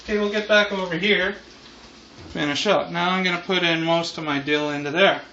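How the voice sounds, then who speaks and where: Indoors in a home kitchen, a man in his thirties hosts a cooking vlog with a brisk, gravelly, sharp-toned voice and fairly even intonation. He's loose and laid-back like a stoner, rambling along as muffled, roomy camera audio captures the sizzle of a deep fryer.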